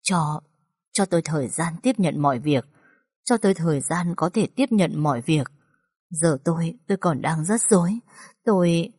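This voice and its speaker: Brief: narrator playing a distraught wealthy mother, dark husky voice, broken halting speech. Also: low-pitched, expressive. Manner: halting, sobbing, cold yet caring. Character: shaken, wealthy middle-aged mother.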